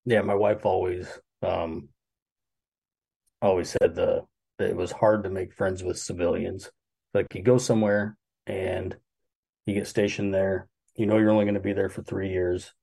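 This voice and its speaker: A man in his forties, a podcast guest, speaking in a relaxed, musing way with frequent hesitations. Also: deep voice, moderate pace, vocal fry, slightly rough, poor audio. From Alaska. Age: 40s. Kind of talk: casual conversation.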